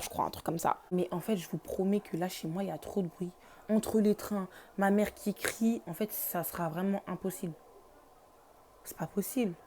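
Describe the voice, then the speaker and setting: A young woman vlogging at home, telling a storytime in a casual, slangy, animated way. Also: mid-range voice. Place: home, noisy household.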